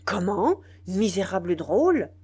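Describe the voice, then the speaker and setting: A woman voicing an imperious, crafty rebel general who scolds loudly in a raised voice, reading a classic novel aloud. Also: medium pitch, very animated, measured pace. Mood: furious.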